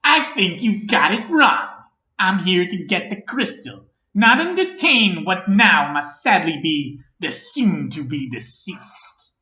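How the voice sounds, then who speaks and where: A man voicing a gleeful villainous male human mage who speaks in a calm, persuasive, cackling way. The recording is roomy. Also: high voice, slow pace, voice pushed up, full character voice. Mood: smug menace. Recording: roomy echo.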